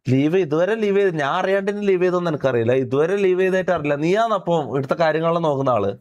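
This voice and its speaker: Man, streamer, rapid, higher-pitched, insistent. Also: expressive, darkish tone, dull audio. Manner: emphatic, aggrieved, keeps asking if listeners understand. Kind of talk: livestream chat.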